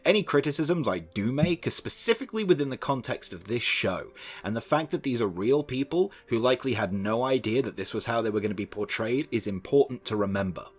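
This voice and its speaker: A man's voice: mid-range voice, animated, fairly quick, husky. A young man narrating a scripted video essay with sardonic asides and the odd swear word.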